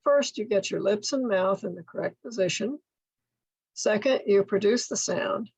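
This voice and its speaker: An older woman teaching in a slide presentation, speaking slowly and enunciating carefully as she models speech sounds step by step. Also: mid-range voice, a little mellow, breathy edge, no room sound, rough recording. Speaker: workshop instructor for literacy tutors. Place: indoor room at home, video call.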